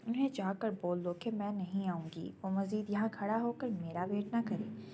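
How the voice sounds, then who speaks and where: A woman's voice: medium pitch, background noise, natural voice. A woman reading an audio novel, voicing a proud, stubborn young woman who speaks sharply and indignantly.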